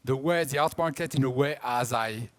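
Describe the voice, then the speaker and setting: A French man in his fifties, a native French speaker with a French accent and a medium-pitched voice, gives a conference talk as an auction house director. He explains haltingly, restarting often.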